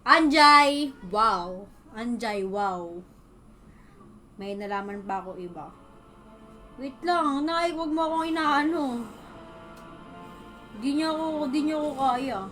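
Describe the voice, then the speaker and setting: Filipino girl streaming, high voice, takes her time, chatty with chat, soft music behind. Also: takes it slowly, long pauses. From Philippines. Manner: chatty, reads viewers' comments aloud and answers them. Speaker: livestream host. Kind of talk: casual livestream chat.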